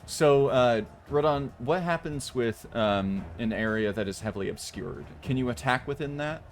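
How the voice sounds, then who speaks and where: A man's voice: medium pitch, animated, normal speed. A man chatting casually as a player on a tabletop game stream.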